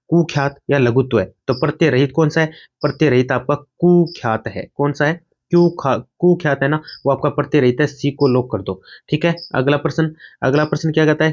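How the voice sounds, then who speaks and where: Fast-drilling exam coach. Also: male voice, a little high, muffled recording. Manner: fast, repetitive question-and-answer drilling, answers his own questions. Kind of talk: rapid quiz-answer online class.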